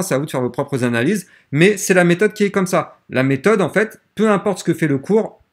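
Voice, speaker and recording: A man with a slightly high voice walks viewers through price charts in a casual screen-share tutorial. He talks in a chatty, loose way. He often stumbles, repeats words and restarts sentences as he goes. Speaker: crypto tutorial host.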